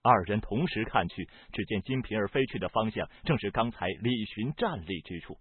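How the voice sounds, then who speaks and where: Husky man narrating a novel. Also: fairly low pitch, moderate pace, no echo. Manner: expressive, varied storytelling delivery. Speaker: audiobook narrator. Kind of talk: dramatic novel reading. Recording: dry, tinny phone-like sound.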